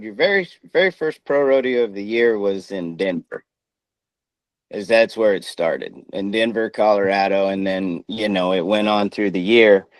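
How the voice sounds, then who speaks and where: Folksy middle-aged former rodeo man, low-pitched, front teeth missing, casual and plain-spoken, close dry recording. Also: dry recording. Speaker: former rodeo rider and coach. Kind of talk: casual anecdotal interview.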